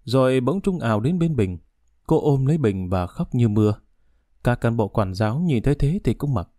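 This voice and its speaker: A man narrating a story audiobook in a steady, measured way. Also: mid-range voice, no room sound, studio quality.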